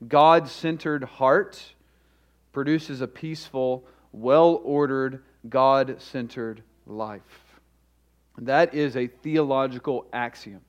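A male pastor delivers a sermon at a pulpit microphone in a church sanctuary. His voice sits at an ordinary middle pitch for a man. He talks in a measured, emphatic way and leans hard on lists of repeated words. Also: muffled recording. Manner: deliberate, emphatic, slows for stressed repeated phrases. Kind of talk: sermon with opening prayer. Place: church sanctuary during a service.

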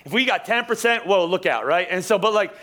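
A young man preaching in a church, his voice pitched high as he tells a rambling, sarcastic story. He stumbles through restarts and throws asides to the people in the pews. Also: expressive, fairly quick, fairly bright tone. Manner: joking, sarcastic, many restarts and asides to the congregation. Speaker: pastor. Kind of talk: casual storytelling sermon. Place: church sanctuary.

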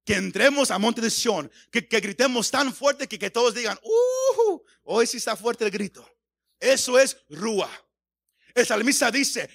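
A man with a high, gravelly voice preaches. He stumbles over repeated words before surging into loud calls, and the sound is close and dry with no room echo. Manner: stammering restarts, rising to shouts. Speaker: pastor. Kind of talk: sermon.

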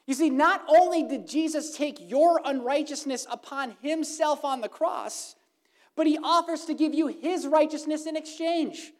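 Earnest woman preacher, higher voice. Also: unhurried. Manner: earnest, swings from emphatic to hushed and soft. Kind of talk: evangelistic sermon.

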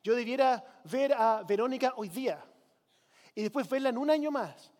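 High-voiced man preaching in a hall. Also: lively intonation, normal speed, a little mellow. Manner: preaching with call-and-response to the congregation. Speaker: pastor. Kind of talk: sermon. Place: church.

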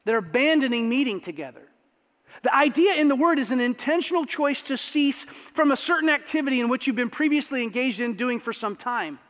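This brisk sermon comes from a pastor whose voice is strikingly high. Conversational and lively, he sprinkles in asides, his words ringing with the lengthy reverb of a church sanctuary.

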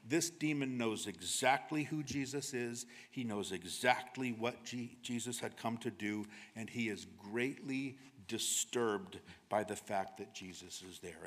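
A man's voice: mid-range voice, a bit bright. Earnest preaching man in a reverberant hall. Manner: earnest, emphatic teaching with repeated "right?" asides. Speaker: pastor. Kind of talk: sermon.

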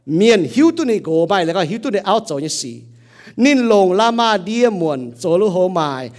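High-voiced man preaching a sermon. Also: very animated, a little fast. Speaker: pastor.

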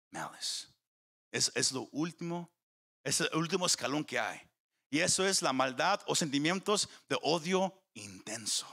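A man's voice: a little high, vocal fry, fairly bright tone, breathy edge. A man preaching a sermon to his congregation, climbing in emphasis, often stumbling over repeated words and putting questions to the listeners. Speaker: pastor.

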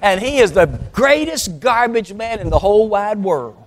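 A man voicing an excited little boy, talking in a bright, eager way. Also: sits high, normal speed. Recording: long hall reverb.

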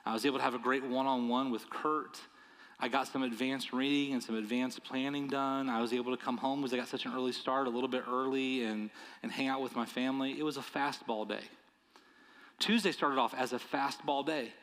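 A male pastor giving a sermon in an earnest, conversational way, often stumbling over and repeating the first words of a phrase. His voice sits at an ordinary middle pitch for a man. The church around him adds a long, trailing reverb to every word. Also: steady tone, a little fast, a bit bright. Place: church sanctuary.

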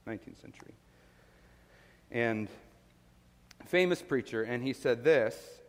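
A man's voice: mid-range voice, expressive, unhurried. Man preaching in a reverberant hall. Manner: earnest, explains word meanings, asks listeners questions. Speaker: pastor. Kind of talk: sermon. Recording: long reverb of a large hall.

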